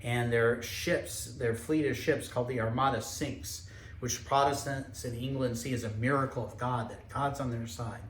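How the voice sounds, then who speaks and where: A man giving a history lecture, explaining events in a measured storytelling way with occasional hesitations. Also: medium pitch, fairly even intonation. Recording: echoey room with faint background noise.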